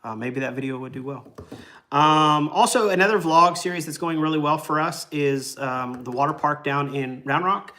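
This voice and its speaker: Hosting a travel livestream, this forty-year-old man rambles easily, chuckling and filling his speech with ums and uhs. His voice is fairly high and sharp, delivered at a normal speed.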